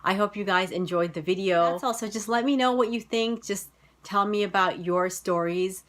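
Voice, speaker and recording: With a medium-pitched, slightly bright voice at a moderate pace, this United States vlogger in her thirties tells personal stories to camera. Her accent is General American, and her casual, chatty manner brims with "you know" and "like."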